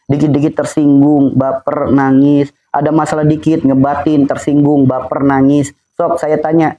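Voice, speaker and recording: Man, Sundanese-accented Indonesian, fairly high voice, emphatic preaching, rhetorical questions, repetitive. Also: highs cut off. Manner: fires repeated rhetorical questions at the crowd; emphatic and repetitive, drilling points home. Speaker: religious health speaker. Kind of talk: faith-based health talk to an audience.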